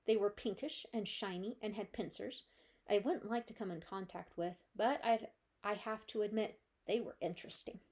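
A woman librarian reading a children's chapter book aloud with gentle, steady storytelling. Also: medium pitch, moderate pace, breathy edge.

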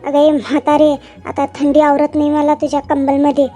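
A woman's voice: high-pitched, monotone, moderate pace, loud music behind the voice, close to an everyday voice. A woman voicing a poor young village man in a cartoon comedy, whining and boasting as he pleads to be married. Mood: pleading. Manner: whiny, boastful pleading in rural speech.

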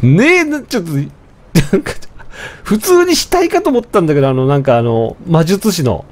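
A young man casually commenting on his own gameplay, chatting to himself with sudden excited outbursts. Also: on the high side, moderate pace. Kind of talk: casual let's-play commentary.

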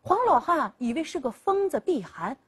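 As storyteller and host of a legal show, this high-voiced woman delivers a dramatic, lecture-style story full of energy. She performs the characters' dialogue herself and pauses with long, drawn-out "啊" sounds.

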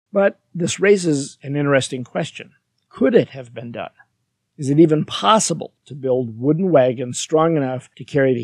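A man's voice: mid-range voice, vocal fry, darkish tone, dry recording. Lighthearted man narrating a history lesson. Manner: lighthearted, dry asides to the viewer. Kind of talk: scripted documentary narration.

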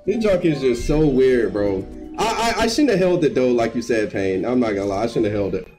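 Male streamer, live gameplay commentary, slangy, excitable, screams, lively swooping voice, game music behind. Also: mid-range voice, brisk, poor audio.

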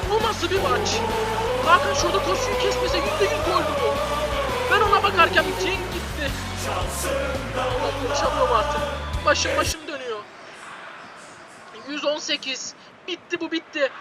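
A man giving excited, shouty commentary over his own football video game play, repeating players' names and groaning at mistakes, his voice going hoarse. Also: extremely high pitch, normal speed, pauses often, loud music behind the voice, rough recording. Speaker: gaming YouTuber. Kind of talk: live gameplay commentary.

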